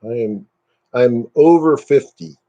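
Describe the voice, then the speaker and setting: Joking, warm-voiced man in his fifties. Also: mid-range voice, takes it slowly, dull audio. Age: 50s. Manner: joking, self-mocking, chatty. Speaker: live-stream host. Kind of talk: casual live-stream chat.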